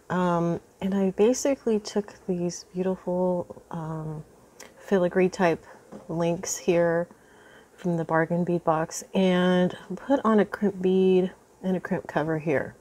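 Sitting at a craft table indoors, a woman with a lowish, darkish voice gives a casual beading tutorial. Her nose is stuffed from allergies, and she rambles chattily, filling her thoughts with ums.

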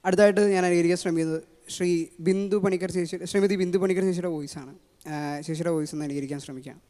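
A man with a Malayali accent introducing his impressions, talking fast with many fillers. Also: high-pitched, steady tone, warm tone. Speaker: mimicry artist. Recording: long hall reverb.

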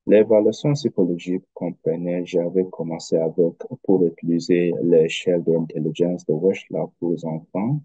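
A man with a foreign accent in French, a non-native speaker giving an academic presentation in halting, careful phrases over a video call. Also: deep voice, steady tone, warm tone, slightly rough, no room sound, lo-fi sound. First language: not French. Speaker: researcher presenting a study.

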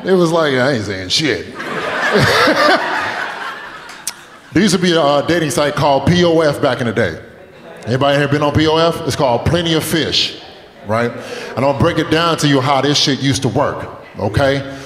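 Long reverb fills the echoey club as this comedian in his late twenties riffs through profane, rambling stories and banters with the audience over their laughter. His voice sits on the high side and is a bit bright, with lively intonation, a moderate pace and long pauses.

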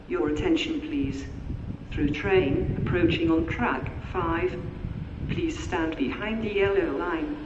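Male station announcer, very slow, formal loudspeaker delivery, muffled and echoey. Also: fairly high pitch. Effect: train station loudspeaker announcement. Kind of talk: recorded public announcement. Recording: dull echoey loudspeaker with noise.

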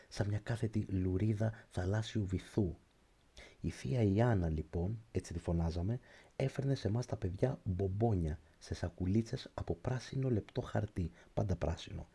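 A man reading a literary prose audiobook in a slow, measured, reflective way. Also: lowish voice, gravelly, warm tone, slightly rough. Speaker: audiobook narrator.

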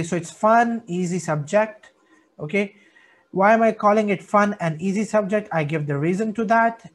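A young man with a Pakistani accent giving an informal recorded lecture as a tutor, repeating key words for emphasis. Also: fairly high pitch. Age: young adult. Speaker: medical student tutor.

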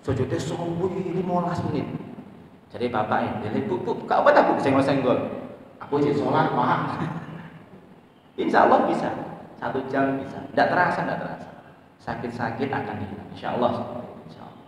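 A man giving a morning sermon in a mosque, animated, acting out prayers and dialogues and swinging between loud and soft. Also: mid-range voice, normal speed, long pauses, far from the mic, slight background noise. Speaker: mosque preacher. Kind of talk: morning religious study sermon. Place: mosque hall. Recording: echoey mosque hall, mic from afar.

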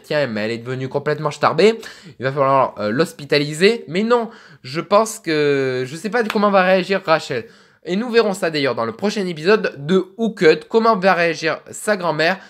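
Chatty young man narrating a game. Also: on the high side. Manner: chatty, musing, thinking aloud. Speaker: let's play host. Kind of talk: let's play commentary.

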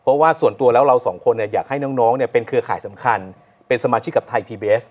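A man's voice: medium pitch, steady tone, a little mellow. A man hosting a studio talk show, chatty and teasing with a student audience. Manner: jokey, chatty, quick. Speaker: TV host.

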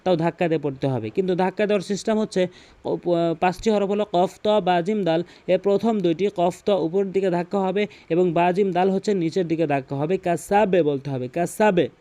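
High-pitched, mellow-toned male Quran teacher. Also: brisk. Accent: Bangladeshi Bengali. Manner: explains rules step by step, repeating and recapping. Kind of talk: tutorial explanation with recited examples.

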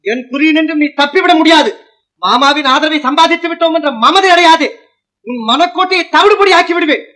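Stubborn young nephew, argumentative, very high male voice, old film. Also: brisk, pushed and bright. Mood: defiant. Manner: argumentative, declaiming formal lines. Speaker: nephew in the household. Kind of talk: 1950s film acting.

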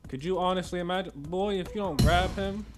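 A man giving joking, slangy commentary as he plays through a video game, with loud reactions. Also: high-pitched, a little fast, music in the background. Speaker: gaming channel host. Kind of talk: casual playthrough commentary.

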